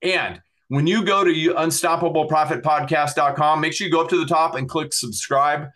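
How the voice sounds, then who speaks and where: A man's voice: a little high, normal speed, fairly bright tone. Earnest middle-aged male podcast host. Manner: earnest, repetitive, plugging websites with frequent fillers. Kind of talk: podcast outro and guest thanks.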